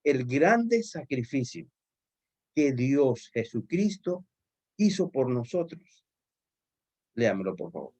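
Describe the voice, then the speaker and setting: A man's voice: medium pitch, big pitch swings, takes it slowly, pauses often, darkish tone. A man who is a pastor, teaching a Bible study and telling a story earnestly while he speaks to his listeners as brothers.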